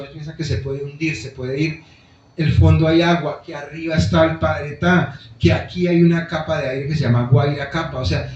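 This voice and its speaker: A man with a slightly high, somewhat mellow voice talks publicly about his book, explaining directly to listeners at a bookstore event. The room sound is heavily echoey, dull and lo-fi.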